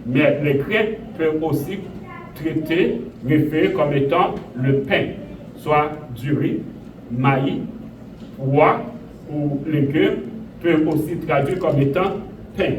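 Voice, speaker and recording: Slow, echoey sermon from a man. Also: fairly high pitch. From Haiti. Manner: slow, repetitive preaching with emphatic rises. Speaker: pastor. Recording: echoey room, voice from a distance, audible noise.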